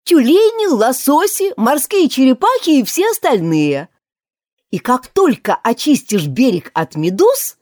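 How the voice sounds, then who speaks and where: Woman reader doing the Mock Turtle: a weepy, sentimental storybook sea creature, pitched up high, cries out in a swooping singsong. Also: very animated, unhurried, a little mellow, dry recording, clean studio sound, exaggerated voice. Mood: excited. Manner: tearful, exclamatory, singsong.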